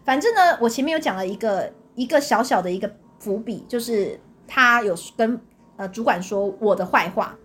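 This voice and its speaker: A young woman tells a story in a casual chat. Her voice sits high and swings widely in pitch. She laughs often and acts out what people said. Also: moderate pace, breathy edge. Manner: animated, laughs often, acts out quoted dialogue. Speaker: podcast co-host telling her own story.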